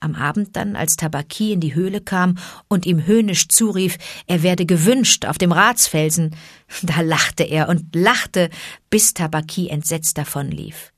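A woman reads a storybook in an even, measured narration. Her voice sits fairly low, and the recording is dry and close with no room sound. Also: no echo. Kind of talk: storybook reading.

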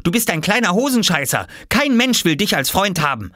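A man's voice: high-pitched, big pitch swings, fairly quick, bright, forceful tone, no room sound, studio quality, voice pushed up, heavily acted. A man voicing a mocking, spiteful older sister who taunts her little brother in a sneering tone, in a storybook reading. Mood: taunting.

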